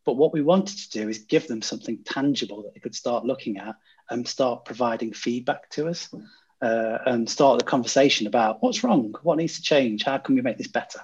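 Husky-voiced man, design consultant guest, hesitant, lots of uh fillers, muffled lo-fi sound. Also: medium pitch, fairly quick, a little mellow. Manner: hesitant, many "uh" fillers and restarts. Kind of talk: conversational storytelling. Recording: dull lo-fi audio.

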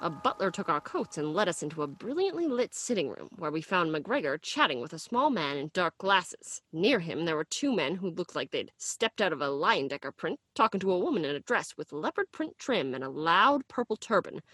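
A wry, plain-spoken private eye , played by a woman, narrates in a hardboiled first-person style. Her voice sits low, moves a lot, and has a husky edge. The recording is dry and close. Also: big pitch swings, a little fast, hardly any pauses, a bit bright, no room sound, exaggerated voice.

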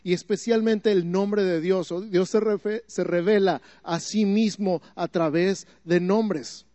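A man's voice: sits high, steady tone, slow, warm tone, dry recording. A man preaching a sermon in a teaching manner, asking the listeners questions and building up emphatic repeated phrases. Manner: rises to emphatic repetition.

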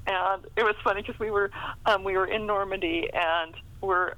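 Speaking at a normal speed in a mid-range voice, this middle-aged woman is a guest author in an interview, swapping lively, chatty stories during a casual conversation about writing. The audio comes through muffled.

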